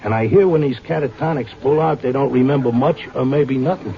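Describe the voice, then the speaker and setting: In a vintage radio drama, an actor plays a stubborn, devoted horse-race handicapper, talking insistently in slangy, streetwise Broadway wise-guy style. His medium-pitched, fairly quick, creaky voice sounds close to everyday speech, with slight background noise. It's a dull old radio recording with music.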